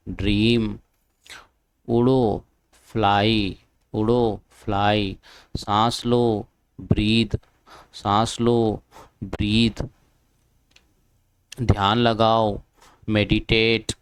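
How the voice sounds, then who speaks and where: A man's voice: lowish voice, clean tone, dry recording. A man teaching beginners spoken English, explaining in Hindi and drilling short word pairs, repeating each one and saying "ठीक है" often.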